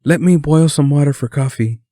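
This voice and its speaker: A man voicing a cheerful, motherly woman who is baking muffins in a storybook reading, chatty and high-pitched. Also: moderate pace, dark tone, no echo, clean studio sound, natural voice.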